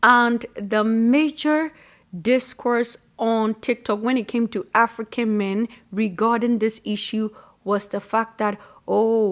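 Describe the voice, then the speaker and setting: A woman, hosting a solo commentary show as a sociologist and speaking in an earnest, emphatic, measured way. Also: medium pitch. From Ghana. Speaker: sociologist and podcast host.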